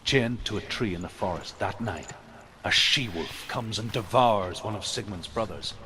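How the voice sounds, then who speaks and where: An actor playing a grave storyteller of old legends in a video game, measured and suspenseful. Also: male voice, fairly low pitch, background noise, close to an everyday voice. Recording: clear background ambience.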